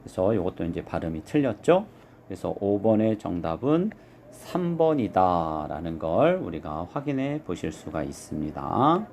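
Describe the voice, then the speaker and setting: A man teaching an exam review lesson, explaining step by step and slowly modeling each pronunciation. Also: sits low, big pitch swings, a little mellow, slight background noise.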